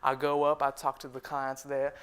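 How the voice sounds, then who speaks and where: A man's voice: medium pitch, normal speed, clean tone, natural voice. A man playing a chuckling freed-slave barber. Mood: boastful. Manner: folksy, chuckling, animated storytelling with frequent fillers. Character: proud freed-slave barber entrepreneur, boastful, chuckling storyteller. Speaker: historical reenactor. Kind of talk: first-person living history monologue.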